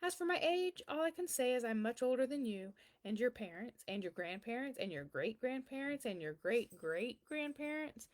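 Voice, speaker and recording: A woman's voice: fairly high pitch, big pitch swings, normal speed, hardly any pauses. A woman voicing a kindly, very old man who answers a child's letters in a storybook, reassuring and explanatory. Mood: cheerful, gentle. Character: kindly, very old male Santa Claus. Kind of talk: children's storybook read-aloud.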